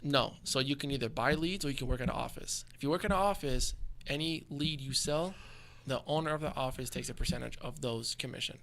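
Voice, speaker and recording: A young man who is a guest on a casual interview, agreeable and quick to say yeah, explaining his work. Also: medium pitch, vocal fry, a bit bright.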